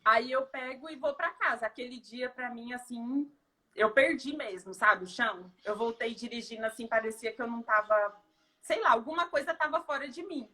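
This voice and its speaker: A woman from Brazil with a bright, high voice recounts a painful personal memory. She speaks in a heartfelt, tearful way, circling back with fillers and restarts as she tells it. Her tone stays clear and ringing throughout. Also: normal speed. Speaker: guest giving a testimonial. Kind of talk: emotional personal testimony.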